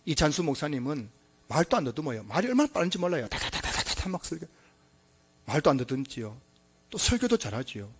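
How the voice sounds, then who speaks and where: A male pastor preaching a sermon in an emphatic style, swinging between loud exclamations and quiet asides. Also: on the high side, sing-song, quick pace, slightly rough.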